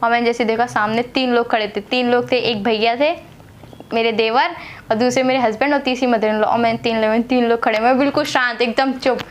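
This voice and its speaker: Telling her marriage story to camera, this young vlogger from Agra, India, speaks briskly in a steady, fairly high voice. She's chatty and filler-heavy and tends to repeat herself.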